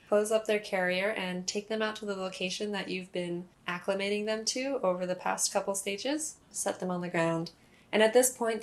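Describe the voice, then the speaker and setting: A young woman in a casual instructional vlog, explaining pet training in a friendly, chatty way with occasional fillers. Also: mid-range voice. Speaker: cat owner explaining leash training.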